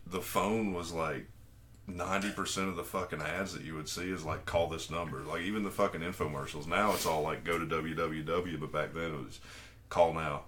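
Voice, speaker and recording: A man's voice: sits low, fairly quick, fairly bright tone, slight background noise. A man in his thirties co-hosting a podcast, chatting casually with a lot of swearing and frequent laughter. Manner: profane, rambling, laughs often. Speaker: podcast co-host. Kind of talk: casual chat.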